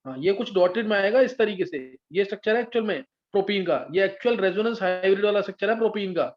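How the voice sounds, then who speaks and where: A man's voice: sits high, fast. A man teaching chemistry in a live class, patiently explaining step by step and often checking whether his students follow. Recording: dull lo-fi sound.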